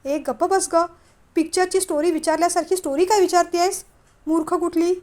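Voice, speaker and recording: Brief: woman voicing a sulky storybook husband, sarcastic and snappish, high voice. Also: moderate pace, close to an everyday voice. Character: sulky irritable young husband.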